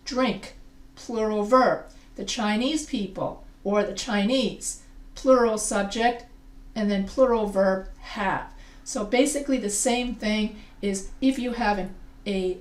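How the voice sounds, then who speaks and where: A writing teacher with a voice on the high side gives a recorded grammar lesson in English, which isn't her first language. She explains slowly, repeating and restarting phrases often. The room is echoey and she sits a bit far from the mic.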